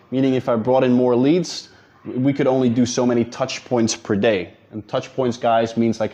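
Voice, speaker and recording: A Dutch-accented business coach speaks casually and directly to viewers in an advice video, calling them "guys." His voice is medium-pitched and warm, though the recording sounds muffled.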